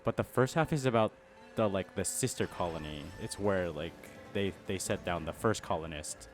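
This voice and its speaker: Low-voiced man rambling through a story. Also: over music. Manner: rambling, halting storytelling with many restarts. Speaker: podcast co-host. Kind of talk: casual chat while gaming.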